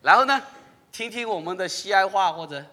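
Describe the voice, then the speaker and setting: A man leads an interactive sermon and keeps turning questions to the congregation. His voice is bright and fairly high, and it swings widely in pitch. A long hall reverb trails his words. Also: fairly quick. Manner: animated, laughs often, asks the audience questions. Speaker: pastor.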